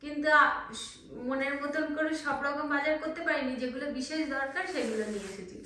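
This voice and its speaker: A woman's voice: high-pitched, brisk, pushed and bright, recorded from a distance, slight background noise. A woman from India chatting casually to her viewers in a home vlog, with frequent hesitant fillers as she talks, recorded on a phone at home. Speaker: homemaker vlogger. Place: family home indoors. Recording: echoey room, voice set back from the mic.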